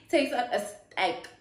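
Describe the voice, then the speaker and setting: A South African woman in her twenties telling a storytime vlog in a chatty, filler-heavy way. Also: echoey room. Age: 20s. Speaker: vlogger. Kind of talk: casual storytime chat.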